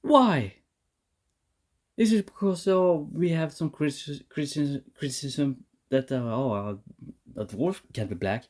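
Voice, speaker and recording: A man's voice: medium pitch, measured pace, dark tone. A man giving a heated, profane rant to camera as a vlogger, often restarting and repeating words. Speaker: vlogger reviewing a series.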